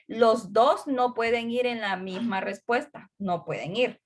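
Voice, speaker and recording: A woman's voice: on the high side, slight background noise. Bilingual woman teaching English grammar. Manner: explains slowly, repeating each term in English and Spanish. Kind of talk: recorded online class.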